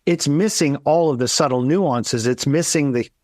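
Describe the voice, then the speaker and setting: A man's voice: a little high, normal speed, darkish tone, no echo, studio quality. A man hosting an interview podcast as an accountant, talking with energy and enthusiasm, often restarting his sentences. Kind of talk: casual conversational interview.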